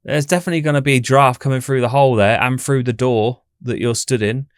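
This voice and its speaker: A man with a smooth, resonant voice, recorded close and dry with no room sound. He talks casually and skeptically as he tests and explains a paranormal team's claims. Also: mid-range voice, fairly even intonation, quick pace, dry recording. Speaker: paranormal debunker host. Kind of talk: casual commentary and testing.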